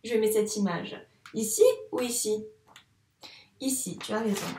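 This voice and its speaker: A woman teaching a phonics lesson to young children, patient and repeating each sound slowly while asking questions. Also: medium pitch, dark tone, roomy sound, slight background noise. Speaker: primary school teacher.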